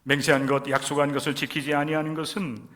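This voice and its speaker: A man from Chungcheong delivers a sermon in a church sanctuary, his voice sitting slightly higher than most men's. He speaks straight to the congregation. His delivery rises to loud, emphatic stresses and falls back to hushed, almost whispered phrases. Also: little pitch movement, quick pace. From Chungcheong region, Korea. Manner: swings between loud emphatic stresses and soft near-whispers; addresses the congregation directly and often. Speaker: pastor. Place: church sanctuary during a service.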